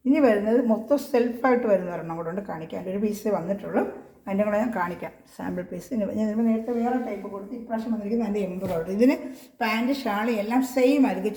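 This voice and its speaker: A woman from Kerala, an online clothing seller, chatting through a casual product showcase at home, speaking as loudly as she can and checking in with listeners again and again. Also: medium pitch, reverberant. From Kerala, India. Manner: chatty, reassuring, repeats tag questions.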